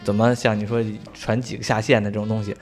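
A man's voice: lowish voice, level tone, fast, faint music behind. A man telling a story in casual chat, swearing freely and laughing along.

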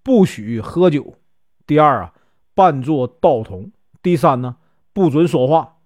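A male storyteller voicing a shrewd, calm strategist who speaks in a measured, scheming way. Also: a little high, dry recording. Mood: sly.

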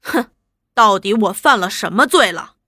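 A woman's voice: mid-range voice, expressive, normal speed, pushed and bright, dry recording, studio quality. A woman voicing a defiant male underground leader who answers with scornful indignation. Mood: scornful calm.

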